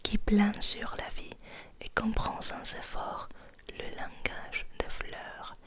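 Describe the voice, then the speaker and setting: A soft poetry reading is hosted by a woman who whispers in a careful ASMR way, her mouth close to the microphone.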